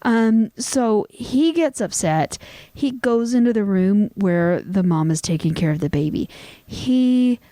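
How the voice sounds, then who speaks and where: A woman's voice: medium pitch, lively intonation, slow pace, mellow, dry recording. A young adult woman co-hosting a podcast, telling a story in loose, casual chat with plenty of fillers and swearing. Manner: swearing, filler-heavy, laughs often. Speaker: podcast co-host.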